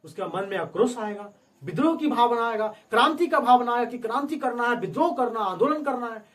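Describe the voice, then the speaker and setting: A male history teacher, speaking to students in a classroom. His voice sits high for a man. He drills each point over and over with quick call-and-response questions. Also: expressive, a bit bright. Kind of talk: classroom lecture.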